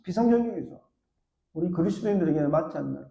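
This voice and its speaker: A pastor preaches in the echoey room of a church sanctuary, his voice gravelly yet mellow, animated and fast. He tells stories and acts out the voices of the people in them, swinging widely in pitch.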